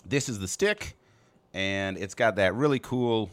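A man's voice: fairly low pitch, a little slow, a bit bright. A man hosting a podcast in a casual, informal chat style, swearing freely. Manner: profane, informal. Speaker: podcast host. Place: small back room of a cigar lounge.

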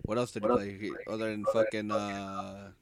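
A man's voice: fairly low pitch, flat delivery, normal speed, crowd noise. A young man co-hosting a casual chat, swearing constantly and dropping Spanish phrases into his English, laughing often. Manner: profane, slangy, mixing in Spanish phrases. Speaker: podcast co-host.

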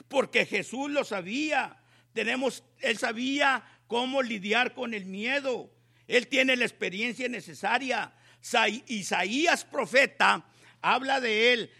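A male preacher delivers a sermon in slow, emphatic phrases, building to exclamations. His voice sits high and has a gravelly, husky edge. The tone is bright and sharp.

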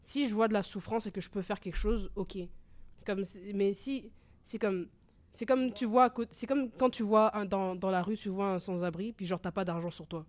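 A woman's voice: medium pitch, steady tone, moderate pace, a little mellow. A young woman chatting informally in a group discussion, repeating herself as she searches for her wording, with slangy phrasing. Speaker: panel participant. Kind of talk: casual chat.

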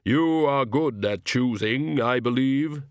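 Audiobook Death, slow and dry, as a male reader puts him on; a calm grave tone. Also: mid-range voice, no echo, lightly acted. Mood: solemn.

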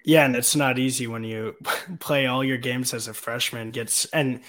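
A man hosting a podcast asks long, rambling questions packed with "um" and "uh" in a casual tone. His voice is medium-pitched and fairly bright, with fairly even intonation and a moderate pace.

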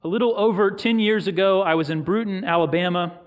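A middle-aged man preaching a sermon as pastor, reflective and storytelling, with pauses for emphasis. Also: sits high, muffled recording. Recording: long reverb of a large hall.

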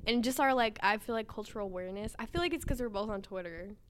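A woman's voice: medium pitch, fast, a little hiss or hum. Chatty young woman, filler-heavy. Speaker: podcast co-host. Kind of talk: casual chat.

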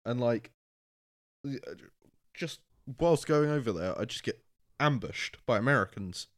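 A man's voice: mid-range voice, measured pace. British guy ranting on a podcast, laughs a lot, voice jumps all over. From Britain. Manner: animated, ranting, laughs a lot, acts out quotes. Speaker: podcast co-host. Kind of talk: casual chat.

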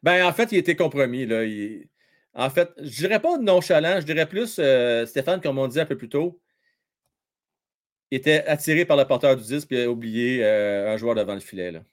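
A man with a Québécois French accent calling a hockey game live, animated and loud at big plays, chatting with his viewers in between. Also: medium pitch, normal speed. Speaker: hockey commentator and live-stream host. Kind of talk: excitable live play-by-play commentary.

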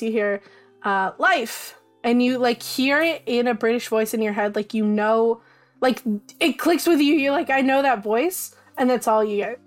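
A woman running a tabletop game as game master, narrating with frequent hesitations and fillers. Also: on the high side. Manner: hesitant, many ums.

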